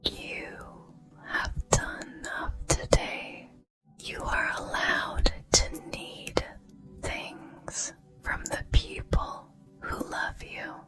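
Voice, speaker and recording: A woman gives a whispered ASMR pep talk of affirmations in a soft, breathy, deliberate and reassuring way, with pauses between phrases. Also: faint music behind.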